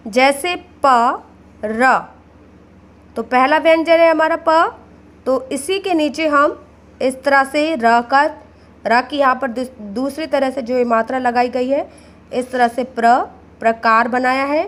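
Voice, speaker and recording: A woman's voice: sits high, steady tone, measured pace. A woman teacher giving a patient grammar lesson, repeating each word and addressing the children directly. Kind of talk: slow classroom explanation.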